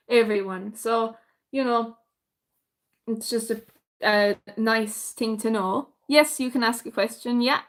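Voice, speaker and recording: A woman from North Kerry in Ireland with a Kerry accent, a music teacher casually chatting on a livestream and greeting viewers by name. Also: mid-range voice. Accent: Irish, Kerry. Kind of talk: casual livestream chat reading viewer comments.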